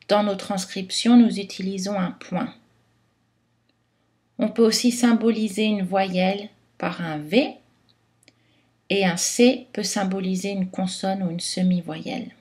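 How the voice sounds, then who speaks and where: A woman giving a scripted phonetics lesson, articulating each word carefully and clearly. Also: medium pitch, darkish tone. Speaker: phonetics teacher.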